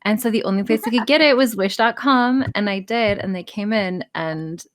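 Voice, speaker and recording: A woman with a mid-range voice chats casually at a moderate pace as a guest on a podcast. She writes and performs audio scripts, and she comes across candid and enthusiastic, swearing freely.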